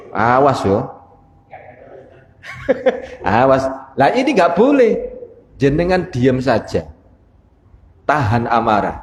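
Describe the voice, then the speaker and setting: A man with a Javanese accent preaching a sermon, talking with the congregation and teasing them with questions. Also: mid-range voice. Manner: conversational, teasing the audience with questions. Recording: echoey hall.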